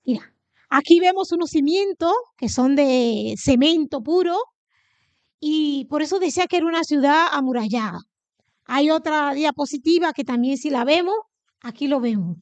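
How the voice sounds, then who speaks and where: Dominican woman giving a sermon at church, high voice, dry close sound, keeps asking the congregation and answering herself. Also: moderate pace, dry recording. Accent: Dominican Spanish. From Dominican Republic. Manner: asks the congregation questions and answers them herself. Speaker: preacher.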